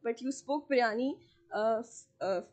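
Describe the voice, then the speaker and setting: A woman from Pakistan hosting a casual podcast interview, animated and teasing, laughing often. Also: on the high side, brisk. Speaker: podcast host.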